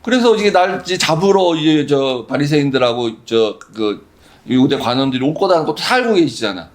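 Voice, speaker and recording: A man's voice: a little high, expressive, fairly quick. A man preaching a sermon as pastor, conversational and full of rhetorical questions.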